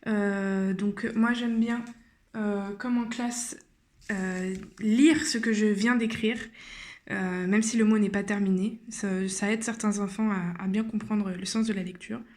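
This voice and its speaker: Woman teacher, slightly high voice, patient step-by-step handwriting lesson for kids, hesitant delivery. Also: steady tone. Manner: slow, patient, with frequent hesitations. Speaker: primary school teacher.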